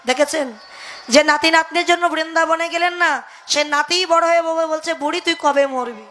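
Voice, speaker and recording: A woman's voice: extremely high pitch, moderate pace, sharp tone, slight background noise. A young woman performing devotional kirtan storytelling, preaching and acting out her characters' lines. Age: young adult.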